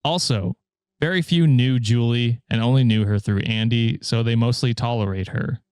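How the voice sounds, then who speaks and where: An American podcast host reads Reddit stories aloud and chats casually, laughing often and using fillers in a relaxed storytelling style. His voice is medium-pitched, clear, and resonant at a moderate pace, on a dry recording.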